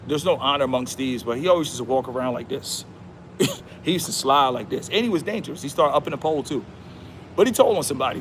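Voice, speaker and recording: A man livestreaming outdoors with a slightly high-pitched voice. He talks in a slangy, emphatic, repetitive way and keeps calling the viewer "bro." Faint traffic noise hums behind him. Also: a bit bright. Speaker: livestream host. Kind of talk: casual livestream monologue.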